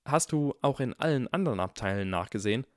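A man voicing an eager, clever young schoolgirl who talks briskly in a storybook reading. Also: mid-range voice, animated, no room sound, clean studio sound, close to an everyday voice.

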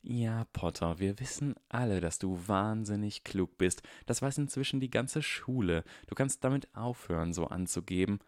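A haughty young wizard boy with clipped, sneering lines, put on by a male reader. The voice sits low and close, with no room sound at all. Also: normal speed, few pauses, darkish tone, dry recording, natural voice.

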